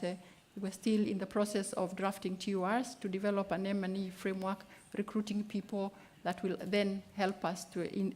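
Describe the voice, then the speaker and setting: A woman presenting a keynote at a conference, speaking with many "uh" fillers and some hurry. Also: mid-range voice. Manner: hesitant, many "uh" fillers, rushed. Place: conference hall.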